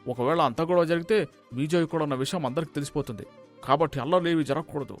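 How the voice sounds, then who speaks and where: A sly, worried householder in a cartoon story, voiced by a man. He talks fast in a raised voice, pleading and coaxing. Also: fairly high pitch, soft background music, natural voice.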